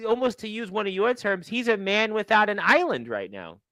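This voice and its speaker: A chatty male host with a high, bright voice runs a casual wrestling talk show. He laughs often and calls out viewers from the chat. The sound is dry and close. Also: very animated, fairly quick, no room sound, poor audio. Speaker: podcast host.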